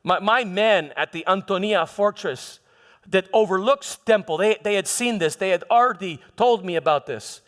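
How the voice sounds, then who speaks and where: Uneasy in tone, a church dramatist takes on the role of a troubled Roman governor and relates his past in a halting monologue, repeating words and leaning on pauses for emphasis. His high voice is a bit bright. Long reverb from an echoey hall surrounds the first-person performance.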